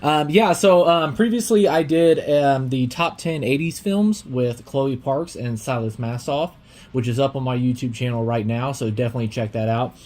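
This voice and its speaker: Excitable male podcast host with slight lisp. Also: mid-range voice, moderate pace. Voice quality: slight lisp from dental aligner. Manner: rambling, filler-heavy, excitable. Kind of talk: casual podcast chat.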